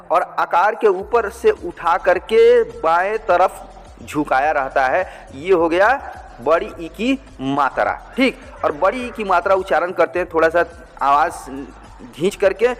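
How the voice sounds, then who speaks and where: Male teacher, patient and repetitive, fairly high voice, recorded with a long reverb tail. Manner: patient, repetitive, checks with "ठीक". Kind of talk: blackboard language lesson.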